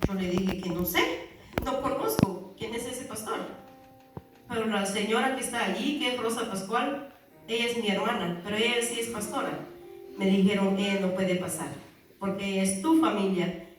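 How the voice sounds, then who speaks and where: With a mid-range voice at normal speed, a woman gives an earnest religious testimony, calling her fellow church members brother and sister. She's recorded from a distance in a very echoey hall with faint music behind her.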